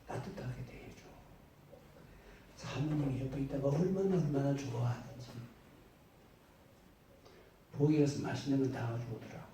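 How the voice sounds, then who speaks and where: A male pastor tells stories from the pulpit, sometimes quiet and sometimes forceful in his emphasis. His voice is dark and mellow. It rings through a very echoey church hall, picked up from some distance away. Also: medium pitch, normal speed, pauses often, slight background noise. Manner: storytelling, swings between soft asides and loud emphatic bursts. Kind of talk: sermon. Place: church sanctuary.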